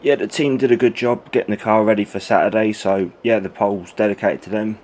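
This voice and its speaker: A man with a slightly low voice gives a racing driver's interview answer. He is understated and matter-of-fact. There is faint background noise. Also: steady tone, a little fast, a little mellow. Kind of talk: brief post-qualifying interview answer.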